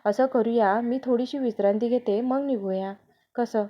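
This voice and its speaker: A woman's voice: a little high, steady tone, moderate pace, dull audio, lightly acted. A woman doing a bashful, easily vexed young wife. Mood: annoyed. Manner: scolding, bashful.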